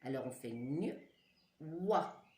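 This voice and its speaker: A woman teacher dictates syllables to young children at a careful, drawn-out pace, her pitch rising and falling with lively emphasis. Her voice sits on the low side for a woman. She is picked up by the camera in a roomy, echoing classroom. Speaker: primary school teacher. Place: classroom with a board. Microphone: camera mic.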